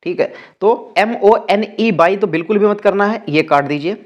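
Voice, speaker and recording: A man's voice: high-pitched, moderate pace, dull audio. A young man teaching an exam-prep vocabulary lesson, spelling words out letter by letter.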